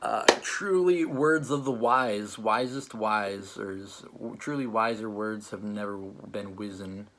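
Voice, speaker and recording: Speaking slowly in a fairly low voice with few pauses, this man hosts and judges a challenge, casually going over stories. His talk rambles and stumbles, full of "like," and there is background noise.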